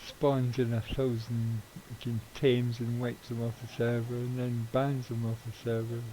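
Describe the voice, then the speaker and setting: Middle-aged streamer, mellow tone, rambling and offhand, swears casually. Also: male voice, mid-range voice, flat delivery, measured pace, slight background noise, low-quality recording. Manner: rambling, swears casually, chuckles at own jokes. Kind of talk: casual live-stream chat while gaming.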